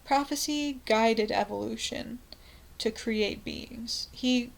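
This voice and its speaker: A woman's voice: on the high side, slow, gravelly, rough recording. A woman giving a rambling, fervent evangelizing monologue as a self-styled prophet, with frequent restarts and "you know" fillers.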